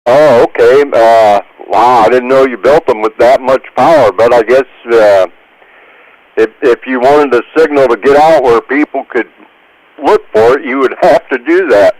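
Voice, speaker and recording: Man, American accent, average pitch, dry two-way radio sound, hesitant casual chat. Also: moderate pace, darkish tone, no echo, rough recording. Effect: heard over amateur two-meter radio. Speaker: radio net participant.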